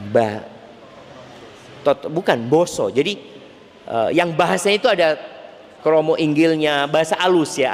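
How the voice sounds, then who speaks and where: A man with an Indonesian accent giving a lively Islamic sermon lecture, quoting Arabic verses. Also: a little high. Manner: lively, animated preaching with Arabic recitation. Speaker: preacher. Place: station venue hall with crowd ambience. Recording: reverberant hall, faint background noise.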